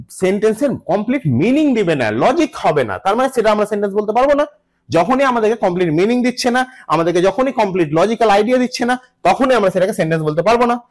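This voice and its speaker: A young male teacher with a Bengali accent, giving an exam-prep lecture with patient explanation, repeated key terms and rhetorical questions. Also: sits high. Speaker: English teacher.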